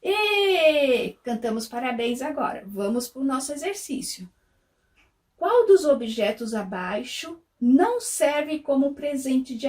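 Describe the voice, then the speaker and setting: Sing-song kindergarten teacher, slow and lively. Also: female voice, high-pitched, recorded from a distance. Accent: Brazilian Portuguese. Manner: sing-song, stretches out words for little kids; asks questions and answers them herself. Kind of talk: slow, sing-song lesson for small children.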